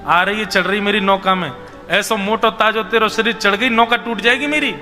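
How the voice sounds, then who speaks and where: A man's voice: high voice, moderate pace, bright, forceful tone. A man voicing a proud, playful young boy boatman who teases and sulks, speaking with a Braj accent. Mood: teasing. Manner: teasing, cocky, huffy. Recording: reverberant hall with music behind.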